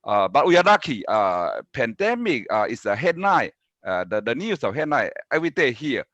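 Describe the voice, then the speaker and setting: A man with a Taiwanese accent giving panel remarks as a professor, speaking haltingly and repeating words. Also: mid-range voice, very animated, a bit bright, dry recording. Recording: dull, dry video-call audio.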